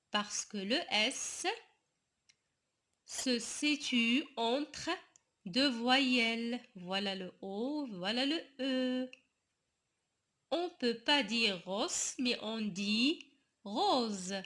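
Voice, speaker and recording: A woman teacher explains a spelling rule to small children. She speaks slowly in a bright voice that sits a little high. She addresses the children directly and walks through each example.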